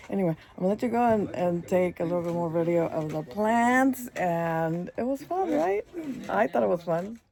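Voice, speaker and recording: A woman's voice: on the low side, mellow. Chatty woman vlogging in strawberry fields. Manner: chatty, rambling, switches into Spanish. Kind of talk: casual vlog narration.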